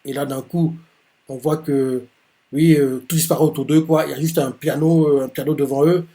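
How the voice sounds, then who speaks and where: Casting: male reaction host, rambling casual explainer, voice a bit high, lots of fillers. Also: fairly even intonation, normal speed, mellow. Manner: rambling, full of filler words. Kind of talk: casual manga reaction commentary.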